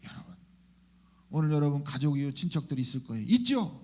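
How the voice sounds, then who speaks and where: A male pastor giving a fervent, animated sermon in church, often crying out hallelujah and questioning the congregation. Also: fairly high pitch, fast talker. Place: church sanctuary.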